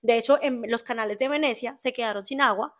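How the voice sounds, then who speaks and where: A woman with a Colombian accent chats casually, full of slang and laughter. Her voice sits a little high and she talks with animated ease. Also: fast talker. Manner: lively, slangy, laughs often. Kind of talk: casual chat.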